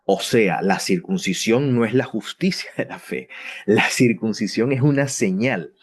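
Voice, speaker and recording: A man with a low voice gives an expository Bible lesson at a very unhurried pace. He lays out each point patiently, often pausing to ask whether his listeners follow, and fixes his own slips as he goes. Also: slightly rough. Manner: slow, explanatory, often checks understanding with "ok"; frequent fillers and self-corrections. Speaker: Bible teacher.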